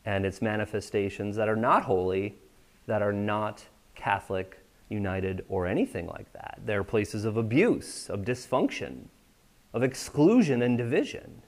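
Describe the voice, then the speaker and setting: A man with a lowish voice and measured pace preaches a sermon in a church sanctuary. He's a pastor from the US who talks with his congregation in a conversational way, frequently checking that they follow him.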